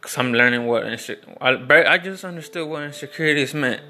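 A man's voice: medium pitch, fairly quick, sharp tone. A young man telling stories in a casual, rambling monologue, with lots of fillers and restarts. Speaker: vlogger.

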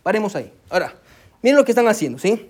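A pastor in full sermon mode, lively and humorous. The voice sits at an ordinary middle pitch. The speaker keeps pulling listeners in with repeated calls to listen and a steady stream of amén. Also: very fast, slightly rough. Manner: animated, tells the story with acted voices and humor; keeps checking in with the congregation, frequent amén.

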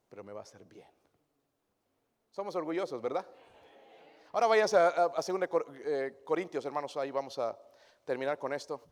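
A male preacher giving a sermon to his congregation, shifting from hushed, intimate tones to loud, emphatic preaching. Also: medium pitch. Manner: addresses the congregation directly as brothers and sisters. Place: church. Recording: long reverb of a church hall.

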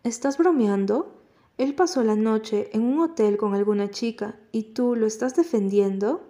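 A woman narrating an audiobook voices a troubled young man who is blunt and still in love, speaking quietly and earnestly. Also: on the high side, moderate pace, close to an everyday voice. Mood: indignant.

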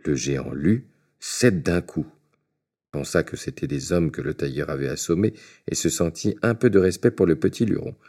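Homme conteur à la voix très grave. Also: male voice, extremely low pitch, expressive, moderate pace, mellow. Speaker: storyteller. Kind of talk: fairy tale reading.

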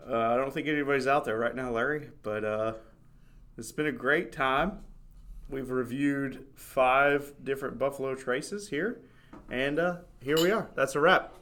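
A man's voice: mid-range voice, unhurried, a bit bright. Man co-hosting a podcast, teasing banter. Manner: teasing, wraps up the show. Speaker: podcast co-host. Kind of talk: casual chat.

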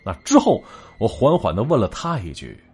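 A man's voice: normal speed, breathy edge. A man narrating a spooky story in first person, acting out the lines of the people in it. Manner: animated, acts out quoted voices with big pitch jumps.

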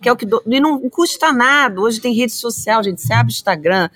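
A woman's voice: fairly high pitch, lively intonation, brisk, fairly bright tone. A woman with a Brazilian Portuguese accent, a communication trainer guest in an interview, speaking directly and energetically, often addressing the listeners. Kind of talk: conversational interview.

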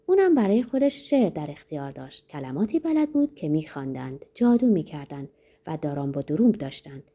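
A woman reading a novel aloud in expressive audiobook narration with a dramatic, varied delivery. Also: sits low, husky.

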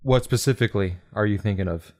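A young man hosting a podcast in casual chat, relaxed and self-mocking, laughing often. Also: on the low side, fast. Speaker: podcast host.

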